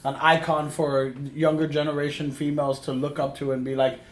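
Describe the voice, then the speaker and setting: Male review co-host, fairly high voice, emphatic and opinionated, casual and sweary, echoey room sound. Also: little pitch movement, brisk. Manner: opinionated, emphatic, repeats himself. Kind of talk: casual film review chat with profanity.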